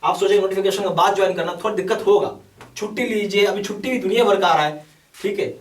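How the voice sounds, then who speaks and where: A man's voice: sits high, quick pace. A man teaching as a bank exam coach, laying out a course and urging students on, often checking in with "okay". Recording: echoey room, mic at a distance.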